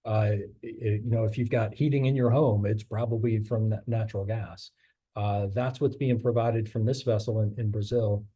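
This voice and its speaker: Low, mellow and a bit breathy, a middle-aged man's voice carries a casual guest talk on his maritime career at normal speed with fairly even intonation. He's loose and chatty, restarting often, using many fillers, and losing his voice slightly.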